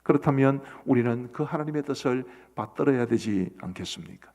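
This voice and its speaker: Middle-aged male pastor, gravelly mid-range voice, earnest questioning sermon, long church reverb. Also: mid-range voice, expressive, fairly quick, darkish tone, highs cut off. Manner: earnest, asks the congregation questions. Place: church sanctuary.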